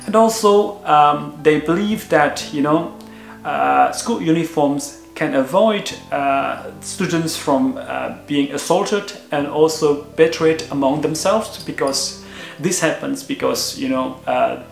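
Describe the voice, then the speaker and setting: Indoors on his living room sofa, a vlogger from Indonesia in his thirties talks to the camera in an earnest explanatory video, often saying "uh." He speaks slowly in a slightly high, creaky voice, and the room echoes with faint music behind him.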